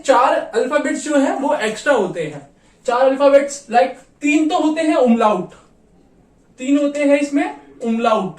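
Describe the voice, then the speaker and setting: A man teaching a beginners' lesson, patiently repeating each sound slowly. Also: very high voice, a little mellow. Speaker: language teacher. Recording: echoey room, mic far off.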